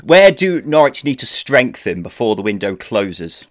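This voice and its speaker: A man's voice: mid-range voice, big pitch swings, a little slow, no room sound, clean studio sound. A man hosting a casual football discussion, putting questions to his guests in a chatty way. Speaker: host. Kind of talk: casual sports chat.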